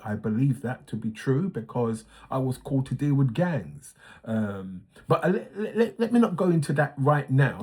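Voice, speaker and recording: A man's voice: medium pitch, a little mellow, breathy edge. A man in his sixties hosting his own series, talking earnestly and reflectively with frequent fillers and restarts. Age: 60s. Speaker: host. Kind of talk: casual monologue.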